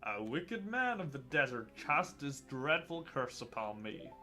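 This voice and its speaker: Casting: an ancient tree spirit, male, grave and slow, with archaic phrasing and a bright, slightly high voice, read aloud by a man. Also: sing-song, faint music behind, full character voice. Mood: solemn. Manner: slow, archaic, solemn recitation. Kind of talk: reading game dialogue aloud.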